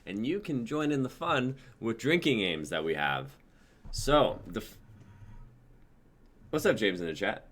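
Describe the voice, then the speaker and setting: This twenties-aged man hosts a livestreamed script-reading show, keeping it informal, hyped and sweary. His medium-pitched voice has lively intonation and a slightly bright edge, moving a little slowly with long pauses. The home livestream audio is noisy.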